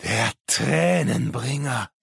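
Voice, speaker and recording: A man voicing a crazed, raving male junkie whose croaking voice cracks upward. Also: medium pitch, lively intonation, slow pace, fairly bright tone, no room sound, clean studio sound, pitched above the performer's own voice, heavily acted. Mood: ecstatic raving.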